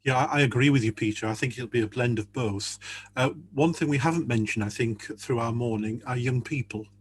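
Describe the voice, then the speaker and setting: A man's voice: medium pitch, fairly quick, slightly rough. A man speaking earnestly as a church leader in a panel discussion over a video call, often repeating words as he thinks.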